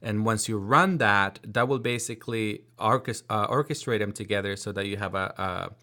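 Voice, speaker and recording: A man's voice: on the low side, pushed and bright. A man hosting a casual technical chat, thinking aloud with frequent restarts and asking follow-up questions. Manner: halting, many fillers and restarts, inquisitive.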